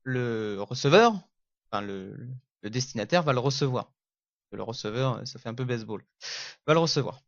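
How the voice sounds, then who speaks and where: Halting man lecturing, dull dry sound. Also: medium pitch, lively intonation, no echo. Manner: halting, many fillers and self-corrections; jokey asides. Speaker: networking teacher. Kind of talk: casual spoken lecture over slides.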